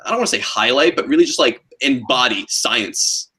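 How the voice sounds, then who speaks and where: A man who creates and voices an animated show, chatting in a relaxed way with many fillers. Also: mid-range voice, a little fast, breathy edge. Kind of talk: casual podcast chat.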